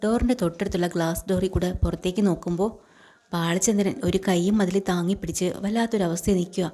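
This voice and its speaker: A woman's voice: on the low side, steady tone, fast talker, warm tone. A woman retelling a TV serial episode in a conversational way, briefly voicing the characters' lines as she goes. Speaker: storyteller.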